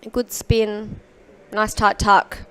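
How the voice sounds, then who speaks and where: A woman's voice: medium pitch, little pitch movement, takes it slowly, fairly bright tone. A woman giving live commentary as a sports commentator at a diving competition. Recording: background pool hall noise.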